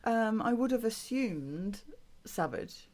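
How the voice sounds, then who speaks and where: A woman's voice: a little high, animated, slow pace, a little mellow. A woman co-hosting a podcast, with blunt, weary remarks. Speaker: podcast co-host. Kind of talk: casual chat.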